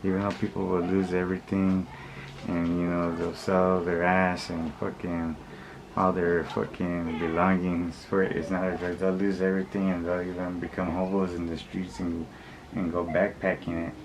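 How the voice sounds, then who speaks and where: Speaking in a low-pitched monotone, a male vlogger chats casually with viewers and shares his opinions in blunt street slang. His talk is rambling and halting, full of repetition and backtracking, and the recording is clearly noisy with background ambience.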